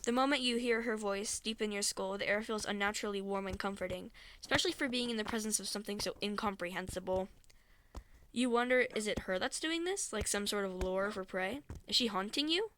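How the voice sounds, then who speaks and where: A woman's voice: mid-range voice, fairly quick, a bit bright, a little hiss or hum. A woman narrating a second-person story in a dry, sarcastic, mocking way.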